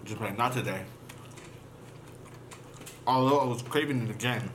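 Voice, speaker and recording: A man's voice: mid-range voice, normal speed, noisy background. A man vlogger chatting casually while chewing a mouthful of food during an eating video. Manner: rambling, offhand, mouth full of food. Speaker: mukbang vlogger.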